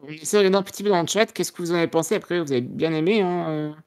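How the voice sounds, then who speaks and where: A woman's voice: lowish voice, very fast, darkish tone. A woman on a casual podcast, talking with enthusiasm and gushing with many fillers. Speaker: podcast co-host.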